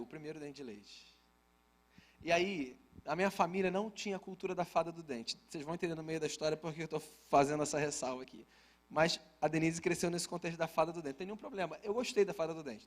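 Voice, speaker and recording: A man's voice: a little high, a bit bright. A man with a Brazilian Portuguese accent preaching a sermon at a church service, telling a family story in a conversational style with humorous asides to the congregation. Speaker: pastor.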